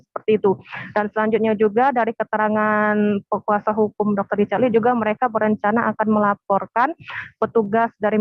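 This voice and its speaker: A woman reporting live by phone, speaking hesitantly with many filler pauses. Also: mid-range voice, no room sound. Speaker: field reporter. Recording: tinny phone line, dry, faint music.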